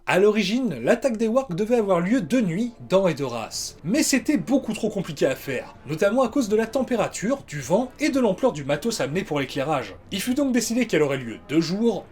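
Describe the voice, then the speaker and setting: A high-pitched male voice with a French accent, reading a casual documentary script. His delivery is lively and swings widely in pitch, with wry jokes slipped in. Soft music plays underneath. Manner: wry, sarcastic asides. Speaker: YouTube film documentary narrator.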